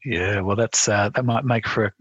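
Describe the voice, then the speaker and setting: Male podcast guest, husky low voice, dry sound, hesitant and thoughtful. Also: fairly even intonation, moderate pace, dry recording, muffled recording. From Melbourne, Australia. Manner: thoughtful, hesitant with many fillers. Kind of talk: casual interview chat.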